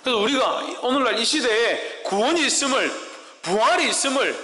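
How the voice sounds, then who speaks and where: A man's voice: very high-pitched, lively intonation, brisk, bright, forceful tone. A male pastor preaching a sermon, asking the congregation rhetorical questions and answering them himself. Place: church sanctuary. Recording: echoey church hall with long reverb.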